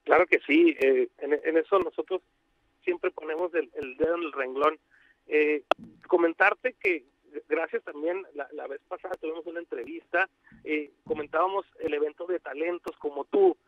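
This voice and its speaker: A Mexican man being interviewed by telephone, speaking haltingly with many restarts and fillers. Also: a little high, no room sound. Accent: Mexican Spanish. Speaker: university outreach coordinator, interview guest. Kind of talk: phone interview on radio. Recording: muffled dry phone line.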